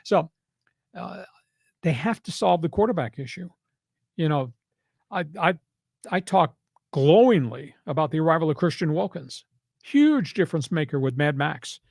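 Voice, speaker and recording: An older man hosting a sports podcast in a fairly high voice, punching his points hard and sliding into preachy rants. The sound is close and dry, with almost no room in it. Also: lively intonation, moderate pace, vocal fry, long pauses, a little mellow, no echo. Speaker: sports talk host. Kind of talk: casual sports talk.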